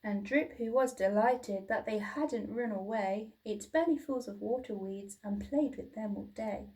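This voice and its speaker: A woman's voice: medium pitch, a little slow, a little mellow. A woman reading a children's storybook expressively, like a teacher, recorded at a distance from the mic.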